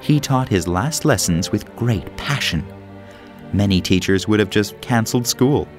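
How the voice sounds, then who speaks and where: Low-voiced guy reading a story, calm and measured, music playing behind. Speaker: narrator. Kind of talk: scripted storybook narration.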